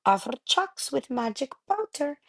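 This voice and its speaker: A woman's voice: high voice, big pitch swings, a little slow, pitched above the performer's own voice, exaggerated voice. A woman voicing a cruel, gloating old female witch leader in a storybook reading, shrieking in broken grammar and chanting rhymes. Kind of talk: audiobook character reading.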